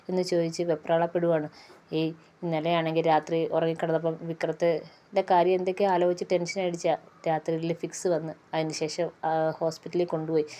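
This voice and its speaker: Fast, flat-voiced woman retelling a serial. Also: low voice. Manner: rapid flat storytelling, quoting characters without acting them. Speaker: serial episode reviewer.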